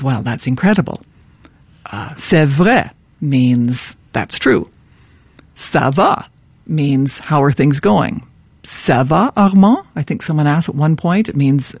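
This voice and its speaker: Creaky-voiced woman giving a pronunciation guide. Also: deep voice, dry recording. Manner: hesitant, with frequent fillers and restarts; says each French word slowly and carefully, then explains it. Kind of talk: informal spoken pronunciation guide.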